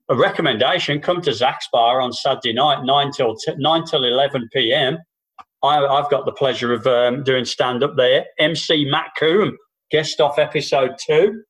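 A New Zealand stand-up comedian co-hosts a casual political chat podcast, talking in long, sweary runs full of false starts and restarts. His voice is mid-range with a fairly bright tone, and the audio quality is poor.

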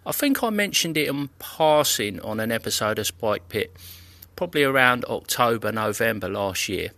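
A man's voice: mid-range voice, lively intonation, normal speed, sharp tone, no echo. A man, a fellow podcaster, leaving a chatty, easygoing voice message. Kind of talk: recorded voice message.

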